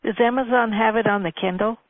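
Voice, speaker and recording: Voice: mid-range voice, steady tone, fast talker. A caller on a conference call, giving helpful, matter-of-fact directions. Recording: tinny phone line.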